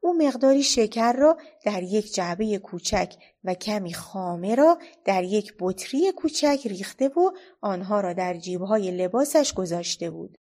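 A woman narrating a children's storybook in a steady, expressive read-aloud manner. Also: mid-range voice.

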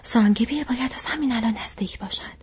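A woman voicing a steady leader man who gives orders and explains in a whispered role-play. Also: slightly rough, dull audio. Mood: worried. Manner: commanding, then low and explaining.

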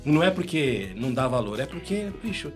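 A Brazilian voice actor and dubbing director chatting casually in an interview, telling animated stories. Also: male voice, mid-range voice, a little fast, faint music behind. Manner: animated storyteller, acts out quotes. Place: home recording in the United States.

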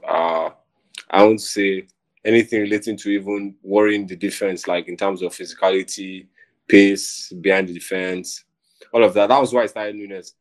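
A young man, co-hosting a casual football chat in a rambling, animated way. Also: low voice, moderate pace. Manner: animated, rambling, says "bro" a lot. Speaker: podcast co-host.

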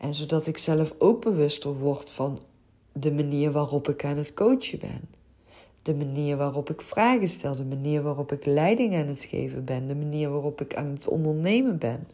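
A woman's voice: low-pitched, moderate pace, warm tone. A middle-aged woman from the Netherlands hosting a podcast, talking in an earnest, open way with frequent hesitations. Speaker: podcast host and childcare coach. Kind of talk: reflective podcast monologue.

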